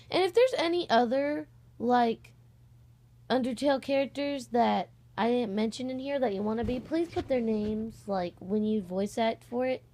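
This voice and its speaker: Indoors on a bed at home, a young amateur voice actor and video host talks in a loose, scattered vlog style, drifting from topic to topic. Her voice is on the high side and mellow.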